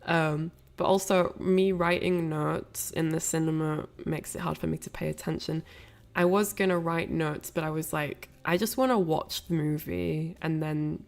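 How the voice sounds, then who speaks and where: Sitting low with a darkish tone, a woman's voice carries a casual livestream as she chats with viewers. She has a cold, sniffly and coughing, and rambles along apologetically.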